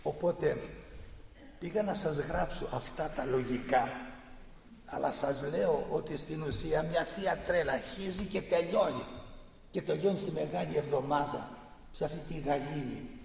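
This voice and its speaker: A man with a gravelly, fairly high voice delivers a fervent lecture, hammering his points through repeated phrases. He is heard from a distance in a large, reverberant hall with faint ambience behind him. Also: a little mellow, a little hiss or hum. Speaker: speaker giving a talk on church tradition. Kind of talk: impassioned public lecture. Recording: echoey hall from far off.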